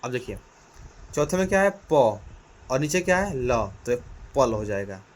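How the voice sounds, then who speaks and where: A man gives a children's lesson in a small room, and his voice is loud and full of energy. He sounds out letters slowly and keeps throwing questions back at the class. His pitch sits in the middle range. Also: big pitch swings. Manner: speaks loudly and energetically. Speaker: teacher.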